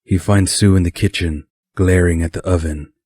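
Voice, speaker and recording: A man reading a fan story aloud as narrator, with calm, steady storytelling. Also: sits low, moderate pace, breathy edge, dry recording, studio quality.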